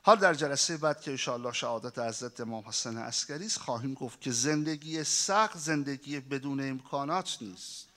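A man's voice: medium pitch, few pauses. A male preacher giving a sermon, telling stories and acting out their dialogue. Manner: animated storyteller who acts out dialogue. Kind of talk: sermon with storytelling.

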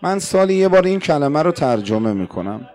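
A man's voice: on the high side, sing-song, darkish tone. A male preacher narrating a mourning sermon with emotion, addressing the audience directly.

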